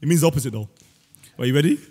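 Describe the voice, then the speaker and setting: A man hosting a casual comedic podcast chat, teasing his guest and telling animated stories. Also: fairly high pitch, very fast, breathy edge. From Senegal. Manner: playful, teasing, animated storytelling. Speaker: podcast host. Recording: roomy long reverb.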